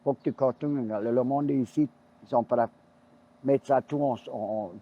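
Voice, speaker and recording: A man's voice: mid-range voice, fairly even intonation, moderate pace, lo-fi sound. An older man from Louisiana with a Cajun French accent, chatting casually in a rambling, repetitive way. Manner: rambling, repeats himself. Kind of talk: casual chat.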